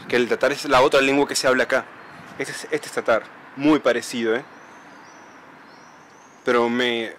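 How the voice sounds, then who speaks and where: A man's voice: mid-range voice, a bit bright. A man vlogging as he walks through empty city streets at dawn, spelling out signs letter by letter in a casual way and repeating himself often. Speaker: travel vlogger. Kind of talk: walking vlog, reading street signs.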